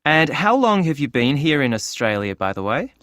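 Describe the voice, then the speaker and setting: A polite club desk clerk. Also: male voice, fairly high pitch, very animated, normal speed, a bit bright, no room sound, studio quality. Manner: polite, asks form questions while typing. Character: friendly male clerk at a social club desk. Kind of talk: scripted exam listening recording.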